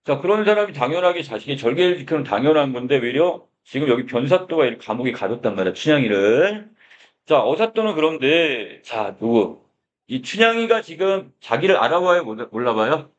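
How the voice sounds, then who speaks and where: A man's voice: mid-range voice, sing-song, a little fast, muffled recording. A male middle school Korean teacher giving a literature lecture, opening his points with "자," and asking his students questions. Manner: explains with many "자," prompts and questions to students.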